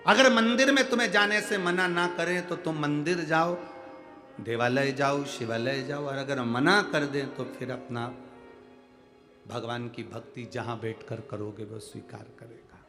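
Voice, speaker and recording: A man's voice: medium pitch, measured pace, over music. A middle-aged man preaching a devotional sermon, emphatic and calling out to the audience for responses. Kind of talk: devotional sermon to a large crowd.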